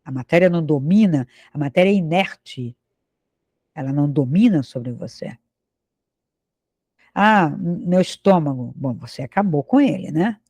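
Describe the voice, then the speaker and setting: A man's voice: fairly high pitch, lively intonation, normal speed, long pauses, darkish tone, slightly rough, dry recording. A man with a Brazilian accent giving a spiritual lecture, firing rhetorical questions at his listeners and acting out the excuses of imagined people. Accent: Brazilian Portuguese. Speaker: spiritual teacher.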